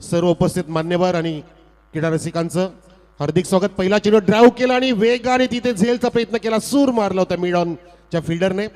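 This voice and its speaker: Man, cricket commentator, over a PA system, high voice, long loudspeaker echo, formal flowery calling. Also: steady tone, brisk. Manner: formal, flowery announcer delivery that rises sharply on big shots. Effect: heard over a PA system. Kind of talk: live local cricket commentary. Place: outdoor cricket ground.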